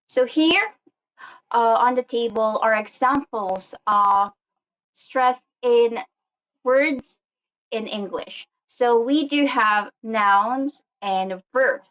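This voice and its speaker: Slow-talking woman teaching English pronunciation. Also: on the high side, fairly bright tone, muffled recording. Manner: frequent "um" and "uh" fillers. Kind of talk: slow explanatory lesson with slides.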